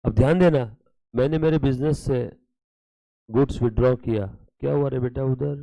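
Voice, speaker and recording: A man's voice: mid-range voice, normal speed, gravelly, mellow, dry recording, low-quality recording. A man teaching accounts to a live class, with a slight tinge, who keeps questioning students and scolds them playfully. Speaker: accounts lecturer. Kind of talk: classroom lecture mixing Hindi and English.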